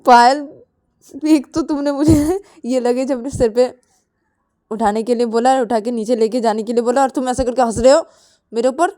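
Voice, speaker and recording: A woman voicing an indignant young woman who scolds loudly in a high voice, in a storytelling narration. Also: steady tone, normal speed, close to an everyday voice.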